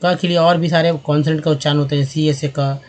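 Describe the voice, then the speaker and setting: A man's voice: on the high side, fairly even intonation, quick pace, a little mellow. A man teaching English reading from slides, patiently repeating and drilling each sound for viewers he calls friends. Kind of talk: slide-based lesson.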